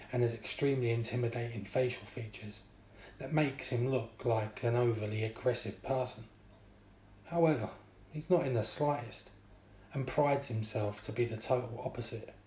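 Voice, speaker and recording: A man reading a first-person story aloud in a steady, descriptive way. His voice is mellow and dark, sitting in the middle of the male range. The recording carries a roomy echo. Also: mid-range voice, moderate pace, a little hiss or hum. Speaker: narrator.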